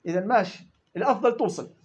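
A man teaching tajweed rules in a classroom lesson, explaining quickly and chanting verse examples in between. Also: sits high, breathy edge. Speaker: Quran recitation teacher.

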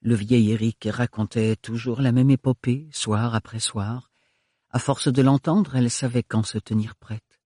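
Husky male audiobook narrator. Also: mid-range voice, fairly even intonation, a little slow, mellow, no echo, studio quality.

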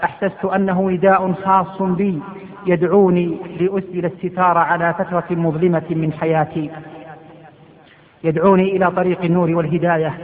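A male preacher giving a sermon. He retells a story solemnly and repeats phrases for emphasis. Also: sits high. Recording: tinny lo-fi sound with long hall reverb.

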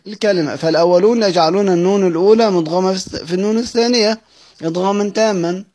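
A man with an Egyptian accent leads a recorded study lesson, his voice sitting a little high. He reads a classical passage aloud, then breaks it down in colloquial speech, asking himself questions and answering them as he goes. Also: darkish tone. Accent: Egyptian Arabic. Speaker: teacher of Quran orthography.

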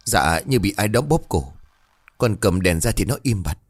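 A man's voice: low-pitched, lively intonation, moderate pace, breathy edge. A man doing a shaken, deferential villager. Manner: respectful, frightened.

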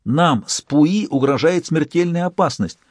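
A man's voice: a little high, animated, unhurried, husky, dry recording, clean studio sound, pitched above the performer's own voice. A man putting on a hissing, snappish young woman. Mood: indignant. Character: indignant young woman, sharp-tongued and fretful.

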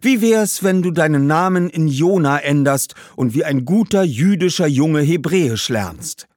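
A man's voice: on the high side, expressive, a little slow, a little mellow, no room sound, clean studio sound, pitched above the performer's own voice. A man voicing the ghost of a woman ancestor, a former slave, pleading in a raised put-on voice.

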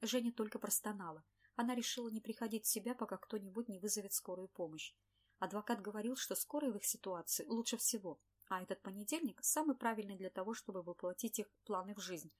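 A woman narrating an audiobook in a steady, lightly ironic storytelling manner. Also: medium pitch, quick pace.

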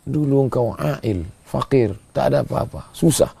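A man preaching a sermon, moving between slow drawn-out chanting of verses and quick, emphatic scolding. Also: medium pitch, lively intonation, dark tone. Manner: gravelly voice. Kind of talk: sermon with Quran recitation.

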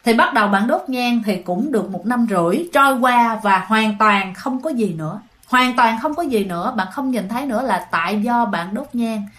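A woman's voice: a little high, lively intonation, normal speed, hardly any pauses, fairly bright tone. A woman telling a ghost story in a chatty way, speaking directly to her listeners. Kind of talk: casual storytelling.

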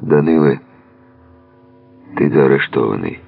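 A man's voice: low-pitched, fairly even intonation, moderate pace, lightly acted. A man voicing a stiff official making an arrest, speaking in a wooden, formal way, heard on a tinny lo-fi radio recording. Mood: cold.

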